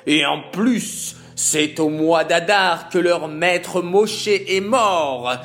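Villain: arrogant, furious prime minister, shouting and gloating, pitched high above the male narrator's own voice. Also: animated, slow pace, heavily acted.

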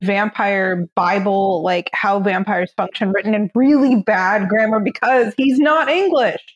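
A woman's voice: medium pitch, measured pace, highs cut off. A woman co-hosting a podcast in casual chat, dry and bluntly opinionated. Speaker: podcast co-host.

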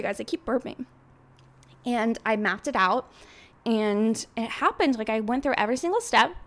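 A woman in her twenties telling personal stories in a casual confessional vlog, chatty and rambling, with lots of filler words. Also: medium pitch. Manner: chatty, heavy use of "like", rambling. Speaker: vlogger.

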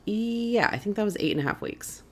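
Young woman, easygoing podcast co-host, medium-pitched, soft agreeable murmurs. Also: a little fast, breathy edge. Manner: relaxed, laughs often, soft murmured agreements. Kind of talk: casual chat.

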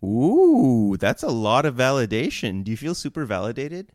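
A man's voice: mid-range voice, wildly swooping pitch, normal speed, darkish tone, dry recording, studio quality. A man co-hosting a casual podcast, joking at his own expense and often laughing. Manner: jokey, self-deprecating, breaks into laughter. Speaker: podcast co-host. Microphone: remote call mic.

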